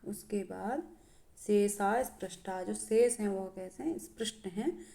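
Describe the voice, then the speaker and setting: A woman gives a lesson at an unhurried, measured pace. Her voice is soft and mellow, and she recites each verse slowly before explaining it with pauses and hesitant fillers. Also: medium pitch, gravelly. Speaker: Sanskrit teacher.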